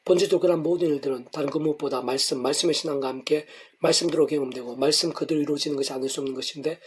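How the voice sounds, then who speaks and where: A man's voice: fairly high pitch, fairly even intonation, very fast, slightly rough. A middle-aged man pastor reading a devotional sermon in long, flowing, earnest sentences.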